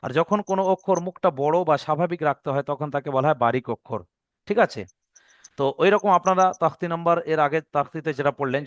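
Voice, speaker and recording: A man teaches Quran recitation rules, going over each point patiently and often checking that his student follows. His voice sits a little high, and the recording is dry and close. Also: no echo. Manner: patient, repeats rules step by step, checks understanding. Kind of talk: online Quran reading lesson.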